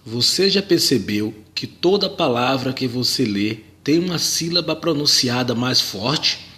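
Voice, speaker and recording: Slow, careful man teaching grammar. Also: mid-range voice, animated, pushed and bright. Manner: slow, careful, spells out words and syllables. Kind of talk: scripted narration of a grammar lesson.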